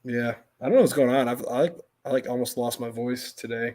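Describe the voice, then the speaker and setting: This middle-aged American man, mid-pitched and ordinary-sounding, talks a little fast as he tells meandering stories on what feels like a laid-back livestream. He interrupts himself often, circling back to restart his thoughts.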